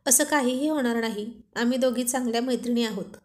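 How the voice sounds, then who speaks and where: A woman's voice: fairly high pitch, fairly quick, a little mellow, natural voice. A woman voicing a bashful young newlywed wife, in a storybook reading. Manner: bashful, coy.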